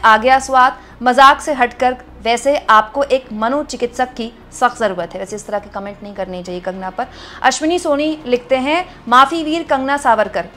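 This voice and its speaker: A woman's voice: high-pitched, fairly bright tone. A woman commentating on political news, reading out viewer comments and chatting to her audience as friends, with frequent hesitations.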